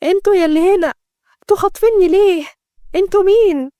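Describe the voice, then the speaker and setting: A woman's voice: high-pitched, expressive, very fast, mellow, dry recording, clean studio sound. A woman with an Egyptian accent voicing a devoted young wife who speaks in a pleading, emotional way. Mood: frightened. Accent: Egyptian Arabic.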